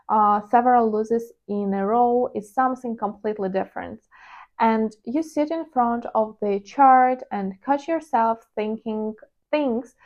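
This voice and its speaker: A woman with a fairly high, somewhat dark voice speaks, and the recording has its high frequencies cut off. She's a native Ukrainian speaker with a Ukrainian accent, a trading vlogger giving her channel's viewers a candid, confessional, reflective monologue, now and then hesitating with an "uh."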